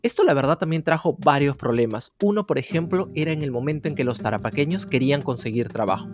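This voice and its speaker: A man's voice: on the high side, animated, quick pace. A man narrating an educational history video, telling the story directly to the viewer. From Peru. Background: guitar music.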